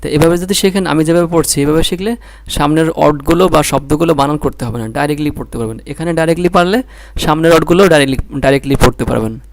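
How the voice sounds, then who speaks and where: A gravelly, slightly high male voice moves at a quick pace through a slow, syllable-by-syllable Quran reading lesson. The teacher, who has a Bangladeshi Bengali accent, repeats each piece patiently.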